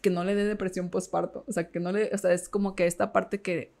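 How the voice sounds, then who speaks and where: Woman guest, gravelly voice, candid storytelling, lots of fillers. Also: lowish voice, little pitch movement, brisk, a little mellow. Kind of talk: casual interview chat.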